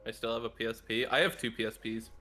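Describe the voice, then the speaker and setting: A man's voice: medium pitch, level tone, fast talker, bright, forceful tone, faint music behind. A man in a casual podcast chat, giggling often and rambling with many restarts.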